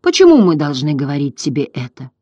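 A reader voicing an ancient giant female turtle, hoarse and gurgling, who drawls slowly and sinks into whispers. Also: medium pitch, huge pitch swings, mellow, no echo, lo-fi sound. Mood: weary, indifferent. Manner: slow, drawling, fading to whispers. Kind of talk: audiobook character voice.

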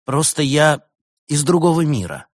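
Brief: earnest young woman, read by a man, raised, gentle voice. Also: on the high side, sing-song, unhurried, dry recording, clean studio sound, pitched above the performer's own voice.

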